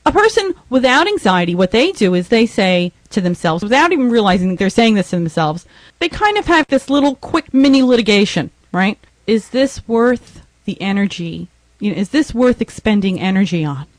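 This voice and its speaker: A woman's voice: medium pitch, big pitch swings, moderate pace, dry recording. A woman hosting a podcast in a casual, rambling monologue, venting with exasperated bursts and sounding stuffy from a sinus headache. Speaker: podcast host.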